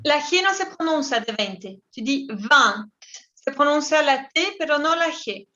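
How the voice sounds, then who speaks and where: A woman teaching an online French class, explaining in Spanish and repeating each word slowly for pronunciation. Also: high voice, animated, bright, forceful tone, muffled recording. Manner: slow, careful, repeats words for pronunciation; switches between Spanish explanations and French examples.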